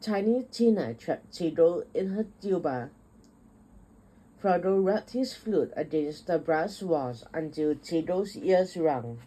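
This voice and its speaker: A woman reading a children's picture book aloud, steady and careful. Her voice is low and slow, with a husky, breathy texture. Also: poor audio. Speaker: storyteller.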